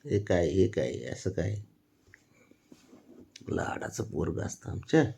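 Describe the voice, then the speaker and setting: A man's voice: low voice, very animated, slow, gravelly, mellow, slight background noise. A man chatting fondly and teasingly to his pet cats in a casual home video. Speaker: cat owner vlogger. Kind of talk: casual talk to pets.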